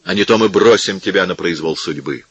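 A man's voice: low voice, brisk, a bit bright, no echo, heavily acted. A man voicing a harsh monk who growls threats in a stifled voice. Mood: gruff. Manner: gruff, stifled voice.

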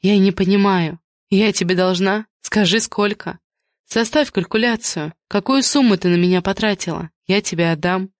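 A woman's voice: medium pitch, moderate pace, no echo, clean studio sound, lightly acted. A woman reading an audiobook voices a frightened, disgusted pregnant woman who speaks sharply and coldly. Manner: sharp, cutting.

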